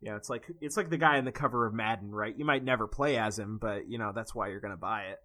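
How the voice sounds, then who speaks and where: A man co-hosting a casual comedic chat, animated and laughing often. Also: fairly low pitch, fast talker. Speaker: podcast co-host.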